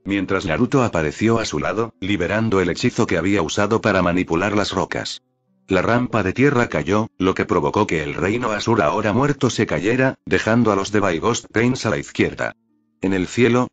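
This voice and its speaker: A man narrating a fan fiction story in a steady, even read. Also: low-pitched. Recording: dull lo-fi audio with faint music.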